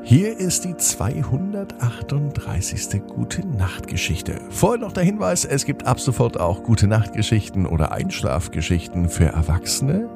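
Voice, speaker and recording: A man's voice: mid-range voice, big pitch swings, normal speed, vocal fry, few pauses, over music. A man hosting and narrating bedtime stories for children, addressing young listeners directly in simple, explanatory phrases. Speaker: podcast host and bedtime storyteller.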